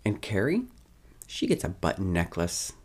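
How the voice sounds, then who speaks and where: A man's voice: low voice, wildly swooping pitch, moderate pace, breathy edge. A man retelling a TV episode in a chatty, casual recap style.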